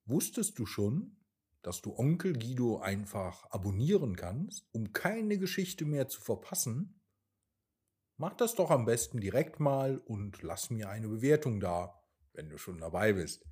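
A middle-aged man tells a children's bedtime story in a slow, gentle voice. His pitch moves up and down in a lively way, and his tone stays warm and mellow.

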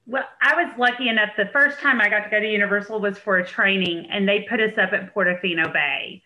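Woman guest telling an animated story, bright voice. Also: mid-range voice, quick pace, highs cut off. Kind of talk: casual chat.

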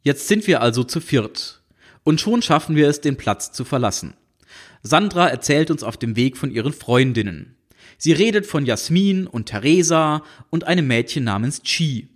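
A man's voice: a little high, animated, moderate pace. A man reading a comic novel aloud, with wry, dry ironic storytelling. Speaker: audiobook reader. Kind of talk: scripted narration of a comic novel.

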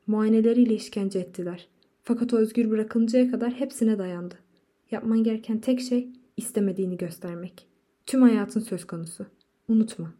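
Defiant wife in a read-aloud story, insistent and urgent, woman reading, dark warm tone. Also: mid-range voice, close to an everyday voice. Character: adult wife, fierce, defiant, tearful.

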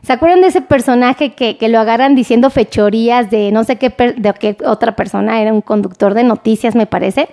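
A Mexican woman doctor hosting a live stream, chatting warmly and greeting viewers by name. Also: a little high, fairly quick, hardly any pauses. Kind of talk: casual live-stream chat reading viewer comments.

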